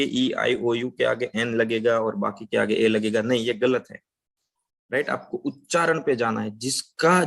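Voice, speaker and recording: A man teaching an English grammar lesson, explaining patiently, checking in with "right?" and saying example sentences slowly. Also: medium pitch, creaky.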